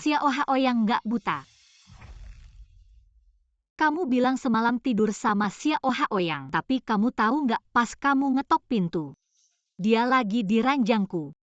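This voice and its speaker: A young actress dubbing a cool, sharp-tongued heroine in a short drama, cutting and composed. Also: female voice, on the high side, no echo, dull audio. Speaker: dub actress.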